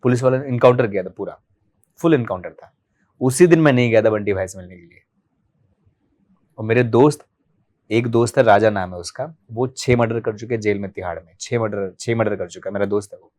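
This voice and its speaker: A man in his thirties from Delhi, a podcast guest telling his life story in a candid, animated way and acting out remembered dialogue. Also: on the low side, a little fast. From Delhi, India. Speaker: podcast guest, martial arts practitioner.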